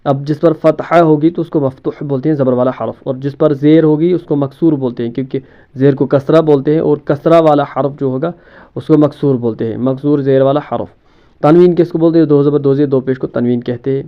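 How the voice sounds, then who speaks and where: A man's voice: a little high, fairly even intonation, dull audio. A man teaching a grammar lesson, explaining terms step by step, asking questions and answering them himself, often repeating words and mixing in English terms. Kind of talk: classroom-style lesson explanation.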